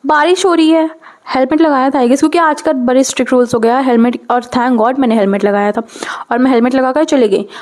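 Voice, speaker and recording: High-voiced chatty young woman storyteller. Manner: chatty, mixes in English phrases, keeps saying "okay"; animated, with sudden pitch jumps. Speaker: storytime vlogger. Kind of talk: casual storytelling.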